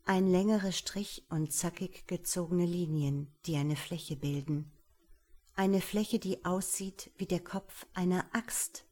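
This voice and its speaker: Slow, breathy woman narrating suspense. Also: fairly low pitch. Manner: measured, hushed storytelling. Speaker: audiobook narrator.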